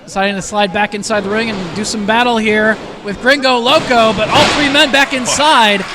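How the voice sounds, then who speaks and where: A man calling a wrestling match play by play, narrating each move briskly. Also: sits high, fairly even intonation. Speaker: play-by-play commentator. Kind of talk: wrestling commentary. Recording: noisy arena feed.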